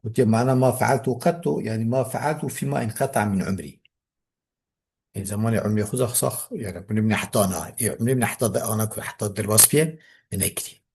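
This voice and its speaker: Kurdish guy teaching old grammar, talks fast, keeps asking if you got it. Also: on the low side, vocal fry, a little mellow, husky. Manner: reads text aloud then explains, checks understanding. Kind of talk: classical text lesson.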